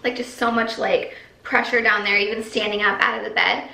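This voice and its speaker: A woman's voice: medium pitch, fairly even intonation, brisk, gravelly, sharp tone. Breathless chatty pregnant woman, echoey room. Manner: chatty, rambling, many likes. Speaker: vlogger. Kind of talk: casual pregnancy update vlog. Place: empty nursery room at home, echoey.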